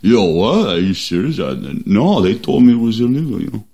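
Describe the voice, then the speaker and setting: A slurring, good-natured tough-guy boxer played by a man in a comedy sketch rambles in halting street talk. The voice sits low but swings widely up and down as he talks. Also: sing-song, dark tone. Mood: shocked.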